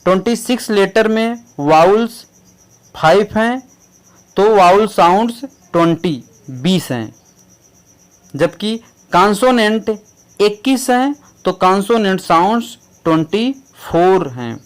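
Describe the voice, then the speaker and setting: A man teaching English pronunciation, spelling out words letter by letter in a slow, deliberate way. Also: sits high, animated. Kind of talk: explaining English pronunciation in Hindi.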